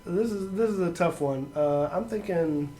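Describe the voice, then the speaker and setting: A man co-hosting a podcast, chatting casually and swearing freely. His voice sits a little higher than most men's, with a faint hiss of noise in the recording. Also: normal speed, dark tone. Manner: laid-back, swears casually. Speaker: podcast co-host.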